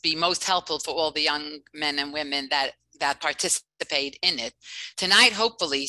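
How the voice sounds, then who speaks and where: A woman's voice: deep voice, bright, forceful tone, no echo, poor audio. A woman dating coach speaking earnestly on a live online podcast, heartfelt, with frequent restarts. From based in Los Angeles. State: emotional, near tears.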